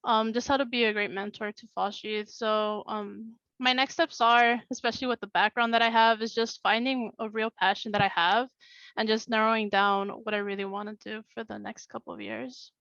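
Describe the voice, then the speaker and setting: A woman's voice: fairly even intonation, a little fast, fairly bright tone, dry recording. A woman in her twenties, a graduate, speaking plainly and a little hesitantly on a video call. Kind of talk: short speech over a video call. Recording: dry, muffled low-fidelity audio.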